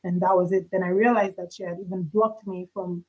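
Husky-voiced woman sharing heartfelt testimony. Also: on the low side, fairly even intonation, a little fast, darkish tone, low-quality recording. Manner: earnest, heartfelt storytelling with quoted dialogue. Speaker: podcast guest. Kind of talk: personal testimony in conversation.

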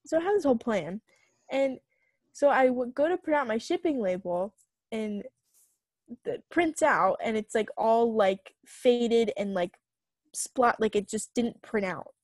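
A young woman co-hosting a podcast, telling a long story in casual chat, full of fillers and animated retellings. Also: on the high side, measured pace, no room sound. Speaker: podcast co-host.

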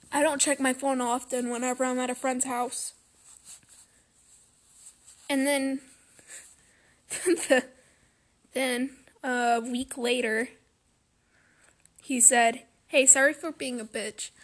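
A woman venting in a personal monologue, speaking softly and haltingly with many fillers and restarts. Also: high-pitched. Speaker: vlogger.

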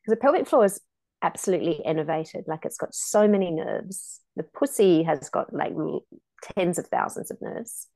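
A woman's voice: lowish voice, animated, normal speed, dark tone, no room sound. A woman in her fifties, a sex and intimacy coach, explaining in an earnest, casual way in a podcast interview.

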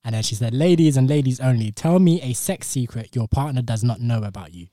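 A man's voice: mid-range voice, animated, brisk, mellow, no echo, studio quality. A man with a London accent and urban roadman slang, hosting a casual podcast chat. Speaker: podcast host.

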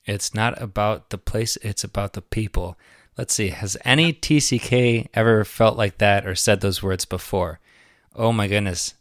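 Low-voiced enthusiastic male podcast host. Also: moderate pace, no room sound, studio quality. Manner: rambling, enthusiastic, laughs often. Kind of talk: casual conversational interview.

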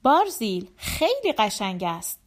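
A woman's voice: medium pitch, wildly swooping pitch. A woman reading an audiobook voices a carefree young male rider who talks in an easygoing, cheerful way.

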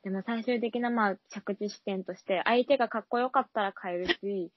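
A woman's voice: medium pitch, fairly quick, slight background noise. A young woman co-hosting a casual chat show, giggling often and stumbling over sounds when she imitates them. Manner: giggly, stammers while mimicking sounds. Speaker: podcast co-host. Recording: dull lo-fi recording.

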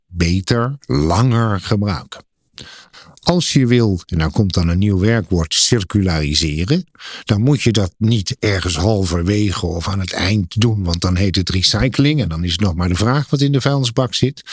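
Expert guest, male, lower register, confident lecturer who stacks examples, dry recording. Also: husky, dry recording. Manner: emphatic, lecturing, builds points in lists. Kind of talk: explanatory podcast interview.

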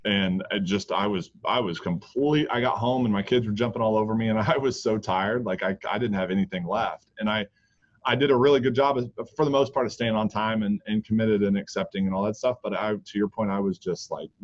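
A man in his thirties, a golf coach co-hosting a podcast, chatting casually with lots of restarts. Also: fairly low pitch. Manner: rambling, frequent restarts and fillers. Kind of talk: casual chat. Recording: dull lo-fi podcast audio.

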